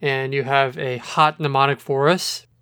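A man's voice: mid-range voice, fairly even intonation, unhurried, bright, forceful tone, clear, resonant tone, no echo, clean studio sound. Man casually stumbling over medical terms. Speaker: podcast co-host. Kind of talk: casual educational chat.

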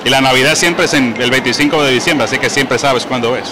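A man, a guest calmly explaining his ideas in an interview. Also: medium pitch, fast, noisy background. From Puerto Rico.

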